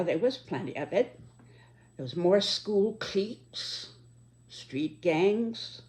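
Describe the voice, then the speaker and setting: An American woman in her nineties giving a reflective monologue in a measured, deliberate, halting elderly way. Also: low voice, mellow. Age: 90s, very old. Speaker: speaker giving personal reflections.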